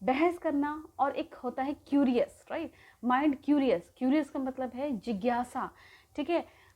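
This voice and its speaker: A woman teaching in a recorded lecture, her voice mellow and a little high. She hesitates often, fills pauses and drops English terms into her explanations. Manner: hesitant, many fillers, mixes English terms.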